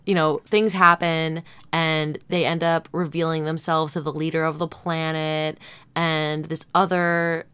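A woman's voice: deep voice, level tone, unhurried, fairly bright tone, clear, resonant tone. A woman chatting casually as a podcast co-host. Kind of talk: casual conversational chat.

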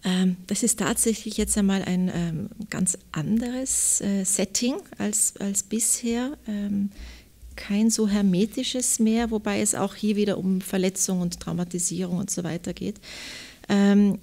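A woman author with an Austrian German accent, answering interview questions and reading from her novel in a measured, thoughtful way. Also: medium pitch, fairly even intonation, gravelly, dark tone. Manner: measured, thoughtful, reflective pauses.

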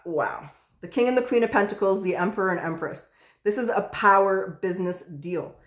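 A woman giving a casual tarot reading, chatty and excitable, who swears freely. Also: medium pitch, fairly quick, reverberant. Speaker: tarot reader.

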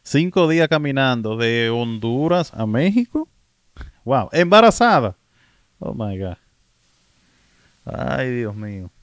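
A man's voice: on the low side, clear, resonant tone, no room sound. Emphatic Dominican man commenting, dry sound. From Dominican Republic. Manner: emphatic, addresses viewers as "señores", repeats phrases. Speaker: host, reaction commentator. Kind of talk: reaction commentary on a video.

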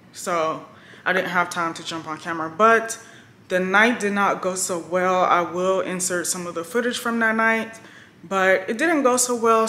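A woman's voice: on the low side, pushed and bright, echoey room, a little hiss or hum. Chatty young woman vlogging at home. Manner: chatty, addresses viewers as "y'all". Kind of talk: casual vlog chat to camera.

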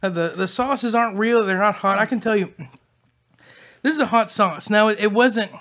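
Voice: mid-range voice, moderate pace, a bit bright. Stammering, earnest hot-sauce show co-host. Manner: repeats and restarts words often, earnest. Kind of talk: casual chat while eating hot sauce.

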